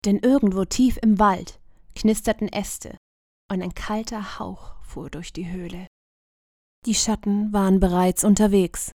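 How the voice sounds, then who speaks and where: A woman narrating a fantasy story for children in an expressive storybook style. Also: medium pitch, unhurried, no echo, studio quality.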